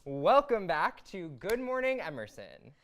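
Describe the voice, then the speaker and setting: A young woman with a mid-pitched voice co-hosts a morning show. She talks casually and with enthusiasm. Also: very animated, unhurried. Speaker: co-host. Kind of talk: casual studio chat.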